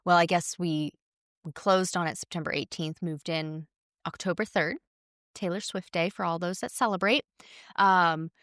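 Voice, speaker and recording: Chatty exasperated woman, lowish voice. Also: no echo, studio quality. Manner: chatty, exasperated, quotes others in quick asides. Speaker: podcast host and running coach. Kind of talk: casual storytelling monologue.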